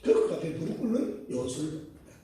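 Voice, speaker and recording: A man preaching a sermon as pastor, telling stories with lively acted-out quotes. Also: on the high side, quick pace. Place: church sanctuary. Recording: echoey church hall from far off.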